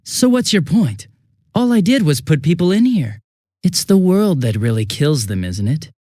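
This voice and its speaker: In this studio-quality, echo-free clip, a male actor plays a mocking young detective who turns into a murderous game villain. His fairly high, mellow voice is very animated at a normal pace, sneering as he shifts theatrically from bored drawl to giddy taunts.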